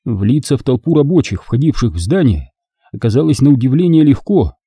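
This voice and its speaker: Dark, husky male audiobook narrator. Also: medium pitch, fairly quick, dry recording. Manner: expressive storytelling. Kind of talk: scripted narration.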